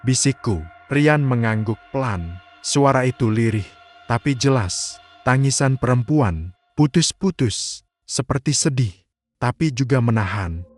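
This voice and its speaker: Man, scripted horror narration, slow hushed suspense, faint background music. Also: mid-range voice, lively intonation.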